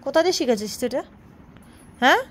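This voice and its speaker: A woman's voice: high-pitched, expressive, quick pace. A mother scolding and coaxing her small child to go to sleep at home at night. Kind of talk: casual scolding at bedtime. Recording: home recording with background noise.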